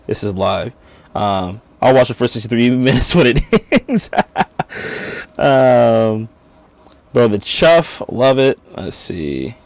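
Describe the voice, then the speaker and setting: A man's voice: mid-range voice, very animated, slow, gravelly, pauses often, darkish tone, no echo. A man hosting a casual livestream, talking in a rambling way and reading viewers' chat aloud. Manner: rambling and casual, with many restarts and fillers. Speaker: livestream host.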